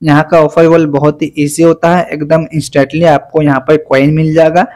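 A man walking viewers through an app in a screen-recorded tutorial, speaking slowly and deliberately with low energy as he fasts, repeating each step. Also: little pitch movement, a little mellow. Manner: instructive, repetitive step-by-step guidance. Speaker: app reviewer.

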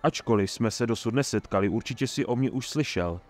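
A man's voice: medium pitch, a little mellow, lightly acted. A man doing a smug menacing swordsman. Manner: mocking, smug and threatening.

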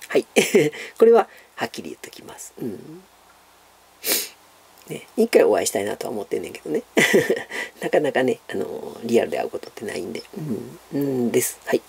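A man with a Kansai accent rambles through viewer questions in a loose, chatty monologue. His voice is dark and gravelly with a raspy edge, and his pitch swings widely as he talks. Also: big pitch swings, normal speed. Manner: chatty, rambling, many fillers, calls himself by nickname. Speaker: YouTuber answering viewer questions. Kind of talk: casual Q&A monologue.

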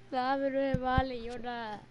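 A woman, chatting excitably with her teammate while streaming a game, and teasing him often. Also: sits high, noisy background. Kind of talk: casual gameplay chat with a teammate. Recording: loud game music behind the voice. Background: loud music.

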